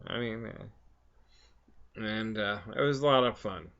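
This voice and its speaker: Slow, halting man chatting over his pipe. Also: on the low side, a bit bright, clean tone. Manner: halting, hesitant delivery with frequent long pauses; pipe smoker talking between puffs. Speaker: vlog host. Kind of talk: casual rambling pipe-and-chat monologue. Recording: slightly dull, lo-fi sound.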